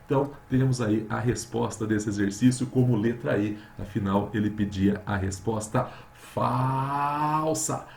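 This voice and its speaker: A man's voice: medium pitch, measured pace, vocal fry, few pauses, darkish tone, reverberant, slight background noise. A man teaching chemistry with a Brazilian Portuguese accent, working through exercises and repeating key words, calling his students "meus amores". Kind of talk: recorded lesson solving exercises.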